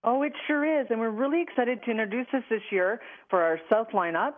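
A woman's voice: a little high, fairly quick. A woman calling in as a radio guest, chatting in an upbeat, promotional way over the telephone. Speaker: guest, travel company representative. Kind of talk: casual promotional radio interview. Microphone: telephone call-in. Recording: narrow, tinny phone line.

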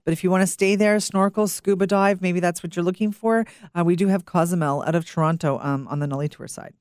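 A woman's voice: lowish voice, fairly even intonation, fast talker, darkish tone, dry recording, clean studio sound. A woman talking informally on the radio as a travel company guest.

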